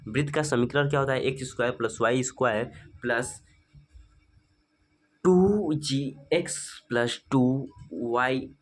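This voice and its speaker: Male maths teacher, patient step-by-step explainer using rhetorical questions. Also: medium pitch. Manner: asks rhetorical questions and answers them; slow, stepwise working-through. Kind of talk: spoken maths lesson.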